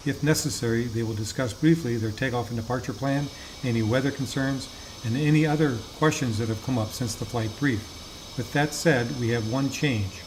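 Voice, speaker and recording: A man giving measured, methodical and formal scripted instruction as a flight simulator teacher. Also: medium pitch, background noise.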